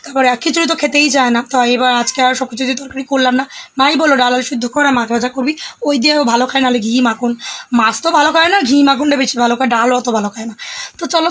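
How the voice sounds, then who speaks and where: Chatty, fast-talking woman vlogger. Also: sits high, fairly bright tone. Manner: rambling, chatty storytelling with many fillers. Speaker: family vlogger. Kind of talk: casual chat to viewers. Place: home.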